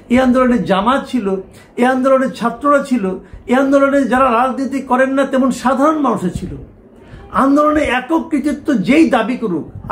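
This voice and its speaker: A man's voice: very high voice, a little hiss or hum. A middle-aged man, giving a talk show political commentary with emphatic rhetorical questions.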